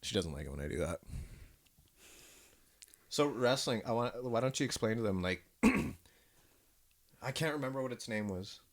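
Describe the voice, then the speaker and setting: A man's voice: mid-range voice, animated, moderate pace, pauses often. A man co-hosting a casual podcast, rambling and swearing freely as he tells stories, with lots of restarts and fillers. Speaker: podcast co-host. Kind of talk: casual chat.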